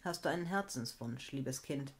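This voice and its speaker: A woman's voice: very deep voice, expressive, moderate pace, pitched below the performer's own voice. A woman storyteller voicing a kindly, mysterious old woman in a fairy tale. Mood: amused. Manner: soft, secretive.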